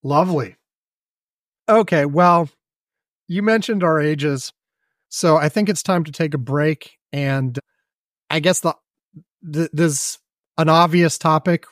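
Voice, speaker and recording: A man's voice: on the high side, dry recording, studio quality. A man co-hosting a casual podcast chat, rambling in a wry, self-mocking way and swearing offhandedly. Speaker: podcast co-host.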